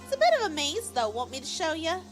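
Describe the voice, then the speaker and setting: A woman's voice: high-pitched, big pitch swings, fast talker, music in the background, pitched above the performer's own voice. A woman voicing a chipper, friendly young local girl as she reads game dialogue aloud, bubbly and eager to help. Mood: cheerful.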